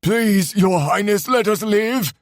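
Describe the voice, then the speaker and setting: Woman voicing a terrified male elf, shaky pleading voice, loud and high, audiobook fantasy, dry recording. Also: slow pace, no echo. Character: terrified young male elf captive begging. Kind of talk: audiobook narration.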